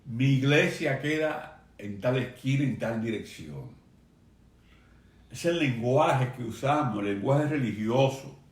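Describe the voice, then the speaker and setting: A man pastor preaching a sermon to a remote congregation, earnest and emphatic, slowing down to stress key phrases. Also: medium pitch, animated, echoey room. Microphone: video stream for a remote congregation.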